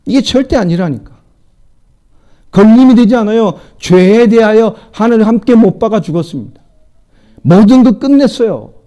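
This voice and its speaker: A middle-aged pastor preaching with a high-pitched male voice. He fires questions at the congregation and drops from loud emphatic lines to quiet asides. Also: lively intonation, normal speed, long pauses. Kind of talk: sermon.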